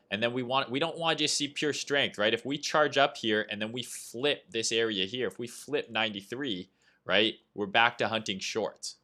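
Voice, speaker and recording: Speaking with a fairly low, bright, forceful voice, this young Canadian trading analyst gives loose market commentary on his livestream. He has a Canadian accent, reads viewer chat out loud, and sprinkles in plenty of "uh" and "right?".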